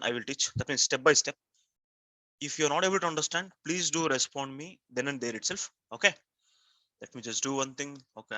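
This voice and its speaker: This man's mid-range voice is bright and forceful, recorded with no room sound. An Indian-accented software testing instructor, he leads a live online class emphatically and step by step, repeating himself and often asking students questions.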